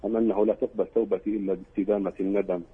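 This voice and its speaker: A man's voice: on the low side, little pitch movement, racing, breathy edge. A man calling in to a religious scholar, sounding troubled and pleading as he asks his question. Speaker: caller. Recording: tinny phone line.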